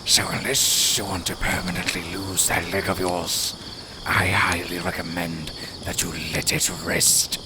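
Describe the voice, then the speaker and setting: In an audio roleplay, a man plays a haughty, sardonic lone werewolf, addressing the listener in formal, condescending, theatrical lines. His voice sits low with little pitch movement and a slightly slow pace. A night forest ambience of crickets is clearly audible, making the background noisy.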